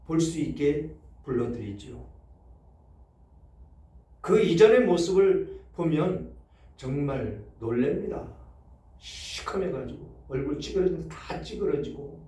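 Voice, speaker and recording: High-voiced preacher in an echoey church. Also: male voice. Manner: emphatic preaching with sharp swings in loudness. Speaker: pastor. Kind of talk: sermon. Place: church sanctuary. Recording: echoey church hall, mic set far off.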